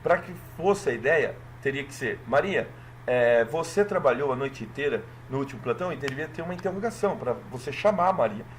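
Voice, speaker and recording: A man from Brazil walking through an exam in a lesson, lively and checking in with listeners often. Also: mid-range voice, fairly quick, slight background noise. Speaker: teacher.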